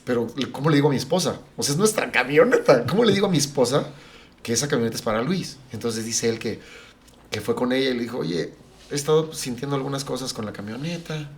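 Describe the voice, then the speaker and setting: A middle-aged man who is a pastor talks as a podcast guest about a personal experience, animatedly acting out the words of family and friends. His voice is mid-range and his pace quick.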